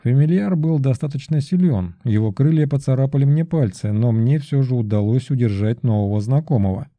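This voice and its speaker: A man narrating a fantasy audiobook in a measured, steady storytelling manner. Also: medium pitch, no echo.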